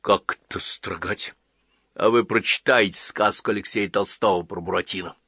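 A man's voice: low-pitched, fairly even intonation, normal speed, pushed and bright, husky, no room sound, studio quality, heavily acted. A man reading an audiobook, voicing a jovial, easygoing middle-aged rural priest who jokes as he talks. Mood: joking. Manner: joking, easygoing. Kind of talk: audiobook character voice.

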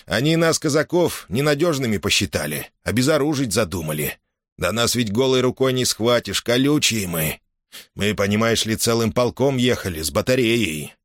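A man's voice: mid-range voice, very animated, moderate pace, no echo, studio quality, natural voice. A man voicing a hot-tempered Cossack soldier back from the war, boastful and threatening.

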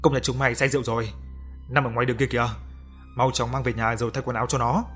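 A man voicing a gruff, scolding, wealthy old village patriarch in a narrated ghost story. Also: medium pitch, level tone, very fast, fairly bright tone, faint music behind, natural voice. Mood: commanding. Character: angry rich old village patriarch, male.

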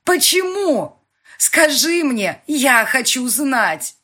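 A woman's voice: on the low side, lively intonation, unhurried, slightly rough, heavily acted. Woman voicing a distraught, pleading young heroine. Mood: screaming. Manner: pleading, tearful.

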